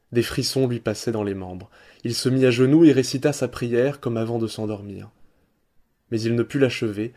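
A man reading a literary story aloud with measured, expressive narration. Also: medium pitch.

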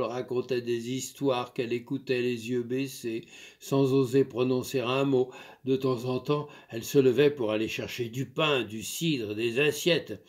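A man narrating a literary story in a measured, expressive reading. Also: mid-range voice.

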